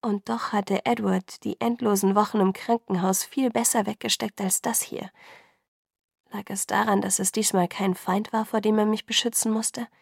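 A woman narrates a first-person novel as an audiobook, her soft, subdued delivery carrying a steady gravelly fry at medium pitch and normal speed. The recording is close and completely dry.

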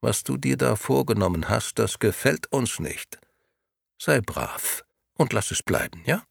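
A man reading an audiobook, voicing a menacing unseen male voice that speaks as "we", slow, taunting and condescending. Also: mid-range voice, expressive, vocal fry, slightly rough, no echo, clean studio sound, full character voice.

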